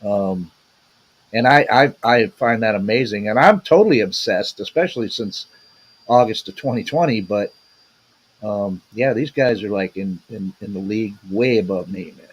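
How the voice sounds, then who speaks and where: A man's voice: fairly low pitch, normal speed, breathy edge, poor audio. A man co-hosting a casual podcast, rambling and tossing in "man" and "you know" often. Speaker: podcast co-host.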